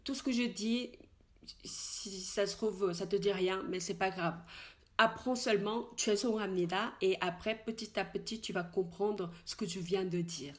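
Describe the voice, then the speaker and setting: A woman teaches in French with frequent fillers and restarts. She slowly repeats each expression several times so it can be copied. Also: medium pitch. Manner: slow, repeated model pronunciations of Korean words. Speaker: Korean language teacher. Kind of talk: casual spoken language lesson.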